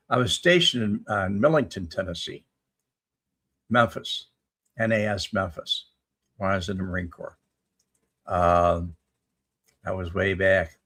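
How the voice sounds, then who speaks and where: A man in his seventies with a low, gravelly, husky voice chats casually on a livestream. He reads out viewer comments and answers them in a rambling, folksy way. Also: fairly bright tone. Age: 70s. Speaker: livestream host answering chat. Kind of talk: casual live chat reading viewer comments.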